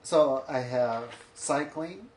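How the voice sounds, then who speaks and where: Man, athletic coach, podcast guest, matter-of-fact, relaxed, roomy echo, faint hum. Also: mid-range voice, takes it slowly. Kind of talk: casual podcast conversation. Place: his home office.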